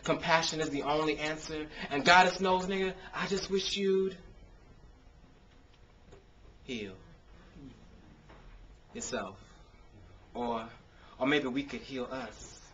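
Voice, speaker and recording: Taking it slowly and pausing often, an American man reads spoken word poetry in a mid-range voice with a bright, forceful tone. He delivers his lines with expressive emphasis after casual intros, recorded on a camcorder microphone whose sound is dull and noisy.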